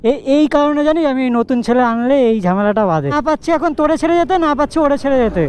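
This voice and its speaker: A man from West Bengal narrating his motorcycle ride to viewers in an excitable, chatty way, calling everyone "bhai" again and again. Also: very high voice, fast, clear, resonant tone. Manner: excitable, says "bhai" constantly, talks to viewers. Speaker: motovlogger. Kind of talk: casual vlog commentary while riding. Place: on a motorcycle on city roads, outdoors. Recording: road and traffic noise.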